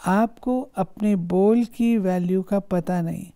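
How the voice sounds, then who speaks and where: A woman reading a spiritual discourse aloud, measured and instructive, often putting rhetorical questions to her listeners. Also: mid-range voice, mellow.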